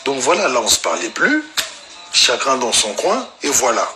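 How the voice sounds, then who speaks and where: A young man casually telling an anecdote in slangy, animated street talk. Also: medium pitch, normal speed, music in the background. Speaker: storyteller guest.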